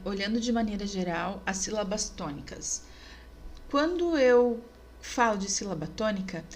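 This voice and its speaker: A woman teacher narrating a review lesson over slides, measured and clear, stressing each example word. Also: medium pitch, slight background noise.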